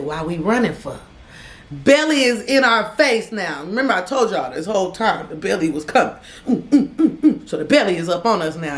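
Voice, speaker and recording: A woman vlogger telling a storytime to her viewers, dramatic, acting out each person and laughing as she goes. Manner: dramatic, talks to viewers as y'all; acts out voices with big pitch swings. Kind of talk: animated storytime. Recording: echoey room.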